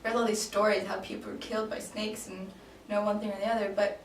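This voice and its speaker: A Danish woman in her late twenties talks quickly in a flat, mid-range voice during a casual made-up job interview. She falters with many ums and restarts; the sound is echoey, the mic is distant, and faint noise lingers.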